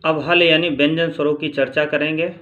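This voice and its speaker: A man teaching grammar, reading from a textbook and explaining slowly, repeating points and answering his own questions. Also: a little high, fairly even intonation, a bit bright, dull audio. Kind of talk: spoken lesson reading from a textbook.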